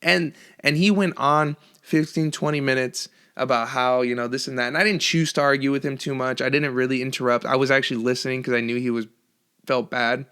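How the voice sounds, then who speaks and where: A man's voice: mid-range voice, steady tone, fairly quick, a bit bright, clean tone. A young man hosting a solo podcast, ranting casually and profanely with lots of restarts. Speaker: podcast host.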